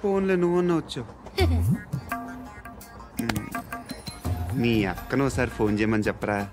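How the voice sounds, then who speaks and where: A cocky young hero, played by a man, with a lively, fast, teasing delivery that turns into cool taunts. Loud film score under every line. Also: mid-range voice, lightly acted. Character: cocky, sharp-tongued young male hero. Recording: film soundtrack with loud music.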